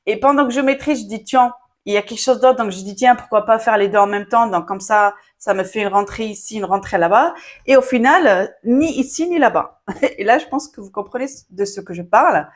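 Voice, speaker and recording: Here an Arabic-speaking online business coach talks to the camera, offering casual advice in a fairly high voice at a slightly quick clip. Her delivery is loose and conversational, peppered with fillers and side comments aimed right at the audience.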